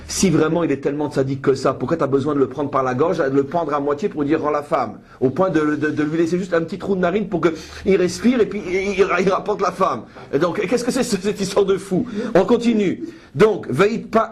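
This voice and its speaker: A woman's voice: on the low side, darkish tone. A woman giving a Torah study lesson. She reads Hebrew verses aloud and then explains them with pointed, ironic asides. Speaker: Bible teacher.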